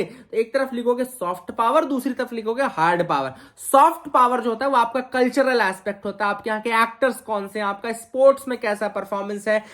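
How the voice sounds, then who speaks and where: A woman teaching an explanatory video lesson for exam students in a chatty way, asking rhetorical questions and mixing in English phrases. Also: medium pitch. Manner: mixes English phrases into speech.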